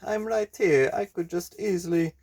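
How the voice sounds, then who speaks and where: A man talks over his gameplay in a loose, rambling way, often poking fun at himself. His voice sits a little high for a man, and the delivery stays casual and unscripted. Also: moderate pace, a little mellow. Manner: rambling, self-mocking. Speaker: gameplay commentator. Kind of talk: casual let's-play commentary.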